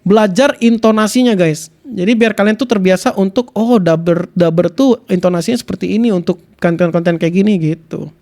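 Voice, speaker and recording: A man's voice: high-pitched, a little fast, vocal fry, darkish tone. A young man giving a casual live tutorial on video clipping, rambling in slang and reading viewers' questions aloud. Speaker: streamer teaching video clipping.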